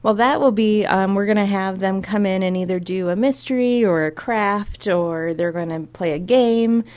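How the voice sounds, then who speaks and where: A woman's voice: medium pitch, moderate pace, darkish tone, smooth. A young adult woman from Iowa, a public librarian, talking upbeat and in detail as an interview guest. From Iowa, USA.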